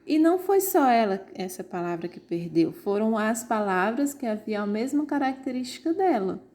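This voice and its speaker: A woman teaching an online grammar lesson, explaining slowly and pointing out examples on screen. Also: on the high side, very animated, a little mellow.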